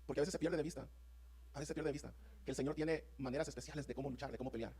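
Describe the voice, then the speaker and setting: A man's voice: fairly high pitch, darkish tone, breathy edge. A man preaching a sermon to his congregation as pastor, fervent and emphatic, often asking if they are with him. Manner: fervent, rapid preaching with rising emphatic peaks; addresses congregation as brothers, asks "¿están conmigo?". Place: church sanctuary.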